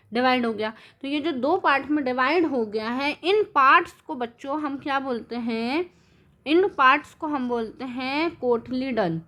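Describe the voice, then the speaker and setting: Woman, science teacher, high voice, bright tone, asks and answers her own questions. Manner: asks the class questions and answers them herself; mixes English terms into Hindi. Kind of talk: classroom lesson explaining with drawings.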